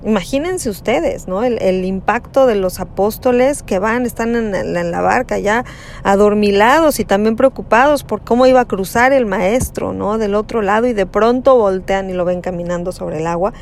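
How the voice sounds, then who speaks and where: A woman giving a slow, conversational reflection on a Gospel passage, often adding tag questions. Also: medium pitch, a little hiss or hum. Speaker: preacher.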